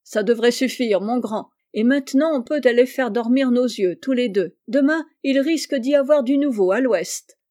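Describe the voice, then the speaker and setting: A woman reading a story aloud, voicing a calm, shrewd female police detective who speaks gently but insistently. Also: on the high side, normal speed, few pauses, lightly acted. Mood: tender.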